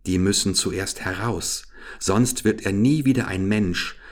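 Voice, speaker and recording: A man's voice: lowish voice, unhurried, natural voice. A man voicing an old Finnish wise woman in a fairy tale, speaking earnestly with raised emphasis. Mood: confiding.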